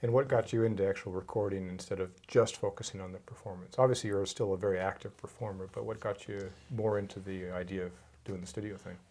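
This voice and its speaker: A middle-aged man hosting an interview, asking steady, friendly questions on a lapel mic in a small home studio. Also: low-pitched, fast talker, few pauses. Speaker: interview host. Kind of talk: casual interview. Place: home music studio, indoors.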